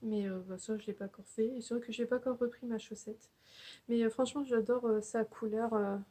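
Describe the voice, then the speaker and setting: A woman's voice: fairly high pitch, steady tone, brisk, mellow, slightly rough. A young woman hosting a knitting podcast, chatting casually and hesitantly, with many fillers and restarts. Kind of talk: casual show-and-tell chat.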